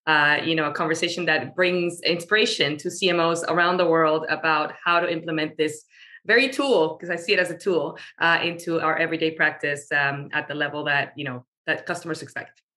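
A woman's voice: low voice, steady tone, fairly quick, bright, forceful tone. A woman from Venezuela, a guest on a podcast interview, talking eagerly with plenty of fillers. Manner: eager, talkative, with frequent fillers. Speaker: guest, marketing storyteller.

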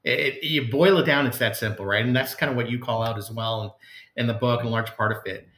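A man's voice: medium pitch, fairly even intonation, fast, fairly bright tone, echoey room. A man, a customer service executive, answering interview questions in an earnest, conversational way with frequent fillers and restarts.

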